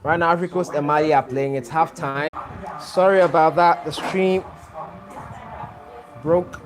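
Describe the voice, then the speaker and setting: A Ghanaian man hosts a live football watch-along stream, chatting, reading viewer comments, and greeting people by name. His voice is a little high, with fairly even intonation and a measured pace.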